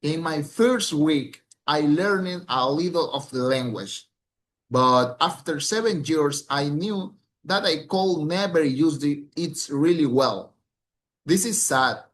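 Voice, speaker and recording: A man's voice: on the high side, a bit bright, a little hiss or hum. A man who is an English language student gives a recited exam presentation, speaking carefully with small slips and restarts.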